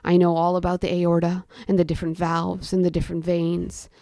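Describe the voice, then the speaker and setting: A woman's voice: on the low side, completely flat delivery, brisk, mellow, dry recording, clean studio sound. A young adult woman telling a personal story in a conversational way, often saying "I mean" and "like". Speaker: guest storyteller. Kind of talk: personal storytelling in present tense.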